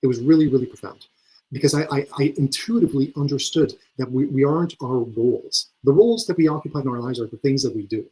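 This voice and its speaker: Male leadership coach, mid-pitch voice, earnest, full of restarts, webinar talk over a video call. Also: fast, warm tone, slightly rough, low-quality recording. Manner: earnest, repeats words often when starting phrases.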